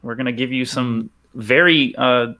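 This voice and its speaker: A man's voice: mid-range voice, moderate pace, sharp tone. A young man co-hosting a podcast in casual chat, laid-back with lots of fillers and some swearing. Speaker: podcast co-host.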